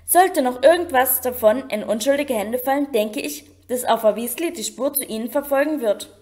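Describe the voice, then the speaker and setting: Kindly old headmaster, calm and gentle; a woman reads him in a storybook. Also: sits high, moderate pace, lightly acted.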